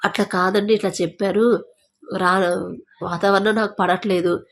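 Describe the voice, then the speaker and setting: A woman's voice: mid-range voice, steady tone, normal speed. A woman giving a personal faith testimony, telling her story with feeling and acting out what others said. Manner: emotional storytelling, acting out quoted speech. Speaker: testimony giver.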